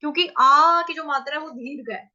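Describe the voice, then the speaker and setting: High bright woman teacher spelling out syllables slowly, dull lo-fi sound. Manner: patient, drawn-out syllable-by-syllable demonstration. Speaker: Sanskrit recitation teacher. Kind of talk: online class teaching verse pronunciation.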